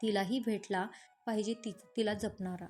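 A woman voicing a caring young woman friend who asks gently prying questions in a narrated story. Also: mid-range voice, steady tone, moderate pace, soft background music, lightly acted. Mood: curious.

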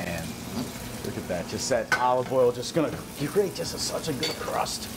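A man's voice: mid-range voice, very animated, normal speed. A man in his thirties hosting a cooking show in a restaurant kitchen, talking in an upbeat, effusive way on a lapel mic. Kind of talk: enthusiastic cooking chat. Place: restaurant kitchen with sizzling pans. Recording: kitchen noise and frying sizzle.

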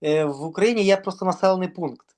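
A man from Ukraine, a volleyball organizer, talking casually in an interview and pausing often with fillers and restarts. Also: high voice, a little mellow. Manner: hesitant, many fillers and restarts.

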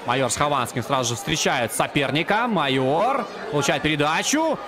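A man's voice: fairly high pitch, expressive, normal speed. A man giving live football commentary, describing the play and the replays. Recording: loud stadium crowd and outdoor noise. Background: football crowd and stadium ambience.

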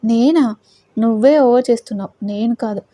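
A woman's voice: fairly high pitch, lively intonation, normal speed, dark tone. Woman voicing a defiant, hurt young bride. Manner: pleading, confrontational.

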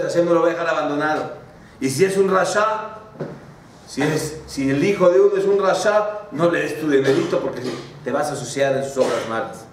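A man's voice: on the high side, recorded from a distance, a little hiss or hum. Middle-aged man preaching, echoey hall. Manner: animated storytelling full of diminutives. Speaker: religious speaker. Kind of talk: sermon with folksy stories.

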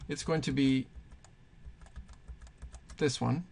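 A man's voice: medium pitch, steady tone, slow, gravelly, darkish tone, breathy edge. A man teaching Spanish verb conjugations, patiently thinking aloud and pointing things out as he writes. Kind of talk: explaining grammar at a whiteboard.

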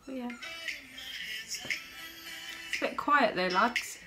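A young woman chats unhurriedly through a reaction video in her bedroom, giggling often. Her voice sits high, and her pace is leisurely. A song plays clearly underneath. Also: slow pace. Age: young adult. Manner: giggly, chatty. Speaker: vlogger host. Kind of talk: casual reaction chat. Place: bedroom, indoors. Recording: music playing behind. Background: music.

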